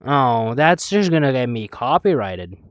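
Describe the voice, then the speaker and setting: A man's voice: mid-range voice, big pitch swings, measured pace, no echo, clean studio sound. A man streaming a game live, rambling casually, swearing a lot and making playfully dramatic, mock-whiny complaints.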